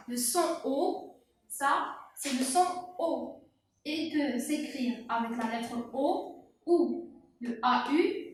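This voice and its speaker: A woman's voice: sits high, slight background noise. A young woman teacher with a North African French accent, explaining a reading lesson to young children, patiently repeating words and spelling out letters. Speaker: primary school teacher. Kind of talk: slow, clear classroom explanation for young children. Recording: echoey room, voice from a distance.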